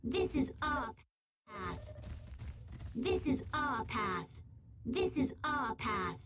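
A woman's voice: fairly high pitch, very animated, extremely slow, noisy background, heavily acted. A woman playing a fierce, menacing alien warrior in a video game, making ominous, fateful declarations. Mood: ominous, resolute. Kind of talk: scripted video game unit voice lines.

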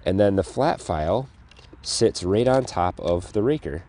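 Deep, mellow-voiced man rambling through a demo. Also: lively intonation, measured pace. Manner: rambling, with frequent restarts and fillers. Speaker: homestead channel host. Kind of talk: casual hands-on tool demonstration. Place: outdoors on a farm.

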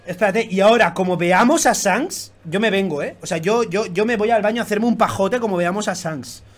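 A man doing excited reaction commentary, swearing constantly and bursting into shouts. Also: high voice, fairly quick, faint music behind. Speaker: YouTube manga reactor.

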